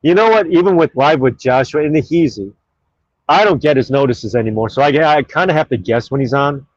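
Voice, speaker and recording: A man hosting his own live stream chats casually, reading viewer comments aloud and drifting between topics in a rambling, offhand way full of fillers. His voice is middling in pitch and a little fast. The audio sounds dull and lo-fi, with no room echo.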